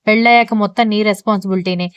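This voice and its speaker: A firm, insistent middle-aged mother-in-law who scolds out of care, voiced by a woman narrating the story. She speaks quickly and smoothly, close to the mic in a dry sound. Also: mid-range voice, steady tone, no room sound, close to an everyday voice. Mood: scolding.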